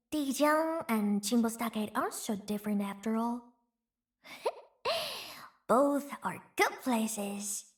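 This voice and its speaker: A voice actor uses a high, full character voice to play a young female chief in a game. Her lines are playful, greedy, cheeky and teasing.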